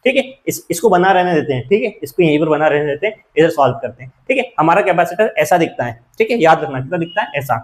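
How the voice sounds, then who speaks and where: A high-pitched man lecturing on physics in a classroom manner, mixing terms into his explanations. He keeps asking his students whether it is clear and repeats key points. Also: expressive, quick pace, few pauses, low-quality recording. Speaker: physics teacher.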